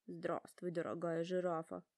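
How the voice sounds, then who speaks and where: A woman's voice: lowish voice, monotone, normal speed, a little mellow, dry recording, clean studio sound, close to an everyday voice. A woman voicing a well-mannered young male elephant in a storybook, polite, earnest and heartfelt.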